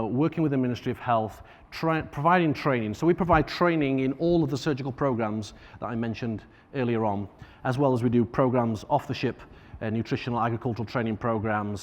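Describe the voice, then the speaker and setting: On stage in a large conference room, a charity partnerships manager from Northern England gives an informal, somewhat halting keynote to an audience. He has a Northern English accent and a medium-pitched voice, and the hall adds echoey reverb.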